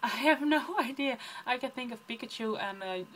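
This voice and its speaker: This book vlogger from the Netherlands speaks at a moderate pace in a slightly high, fairly bright voice, with a little hiss or hum behind her. She's a young woman with a Dutch accent, casually working through tag questions, full of ums and wandering side comments.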